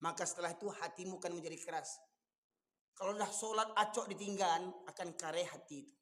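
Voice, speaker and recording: A man with a Minangkabau accent, preaching a fiery, scolding sermon that rises to shouts. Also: sits high, fairly quick. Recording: long hall reverb.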